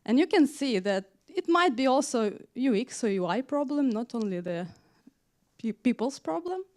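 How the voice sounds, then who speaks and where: A woman's voice: on the high side, sing-song, moderate pace, a little mellow. A woman from Ukraine giving a conference talk, speaking with many hesitations and frequent fillers. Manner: hesitant, frequent "uh" fillers, non-native grammar. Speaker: conference speaker, tech manager. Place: conference hall.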